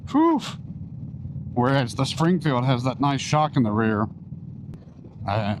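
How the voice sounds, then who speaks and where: A man chatting casually as a motorcycle vlogger while riding, his voice enclosed inside a helmet. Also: mid-range voice. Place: outdoors, riding a motorcycle on country back roads. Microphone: microphone inside a helmet. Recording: wind and engine noise, helmet mic.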